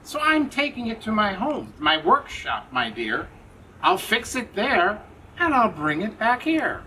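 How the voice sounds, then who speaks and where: A woman voicing the Grinch, a sly, grumpy, mean creature, in a theatrical storybook reading with drawn-out, gloating delivery. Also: mid-range voice, sing-song, pushed and bright. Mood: falsely sweet. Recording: distant mic with faint noise.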